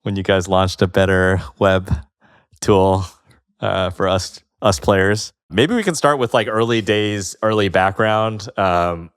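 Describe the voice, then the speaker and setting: A man's voice: low voice, clean tone, no echo, studio quality. A man hosting a podcast, reading the show intro and then interviewing with an upbeat, eager manner. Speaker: podcast host.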